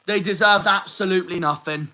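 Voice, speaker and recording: A young man from the Plymouth area of England, a football fan vlogger, rants angrily and swears his way through a post-match reaction video. His voice is high-pitched, brisk and sharp, and the recording quality is low.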